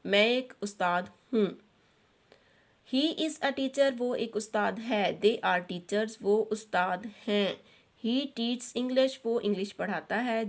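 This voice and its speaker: Slow, patient Pakistani woman teacher. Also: fairly high pitch. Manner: reads English lines slowly, then translates each into Urdu. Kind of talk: textbook lesson explained to children.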